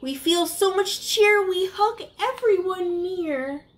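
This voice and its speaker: Here an American woman around thirty reads a picture book aloud to young listeners, hosting a children's storytime with plenty of expression. Her pitch is extremely high, and she takes her time with the text.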